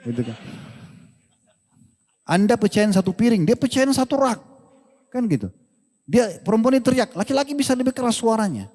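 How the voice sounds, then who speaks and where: A male Islamic preacher giving a casual lecture, lively and joking, with colloquial slang and rhetorical questions. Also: very high-pitched, fairly quick, long pauses, in a large hall.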